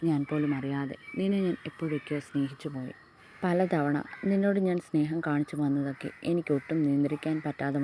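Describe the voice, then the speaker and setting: A woman voicing a devoted young husband in an audio love story, speaking softly and earnestly. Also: sits low, slight background noise, natural voice.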